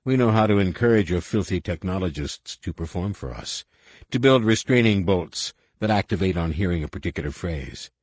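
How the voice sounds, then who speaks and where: A man reads a cruel alien warlord from a science fiction audiobook, hissing every word in a low, husky voice. He sounds slow, cold and full of contempt. The recording is dry and close. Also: lively intonation, darkish tone, no echo. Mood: contemptuous.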